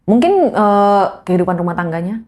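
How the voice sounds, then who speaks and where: A woman speaking as a podcast guest in a casual religious motivational talk, animated and preachy, often addressing the host directly. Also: medium pitch, moderate pace.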